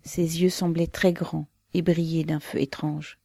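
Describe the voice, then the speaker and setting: A woman narrating a novel as an audiobook in a slow, measured, grave manner. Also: low-pitched, level tone, gravelly, mellow, slightly rough, no echo.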